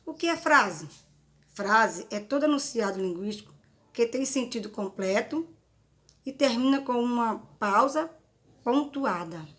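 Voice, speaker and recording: A woman's voice: fairly high pitch, fairly bright tone. A woman teaching a grammar lesson, explaining through examples and checking in with frequent tag questions. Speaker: Portuguese teacher.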